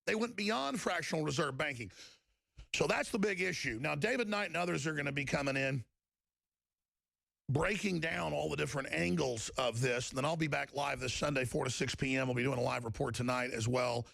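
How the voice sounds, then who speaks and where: Gravelly, emphatic male talk radio host. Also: on the high side, dry recording. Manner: emphatic, rapid, rising to near-shouts. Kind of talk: fiery talk radio monologue.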